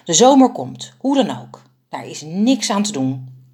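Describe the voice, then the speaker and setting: A woman's voice: lowish voice, sing-song, measured pace, warm tone. A woman voicing the largest bird of a flock in a storybook, thoughtful and regretful. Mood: pensive. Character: big pensive female lead bird.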